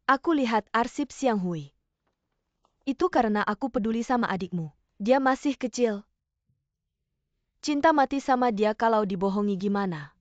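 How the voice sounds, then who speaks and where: A defensive young woman, as a female dub actor voices her, explaining herself and apologizing in dubbed TV drama dialogue. Her voice is a touch high. The dry recording has a dull, lo-fi sound. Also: expressive, normal speed, pauses often, no room sound, close to an everyday voice.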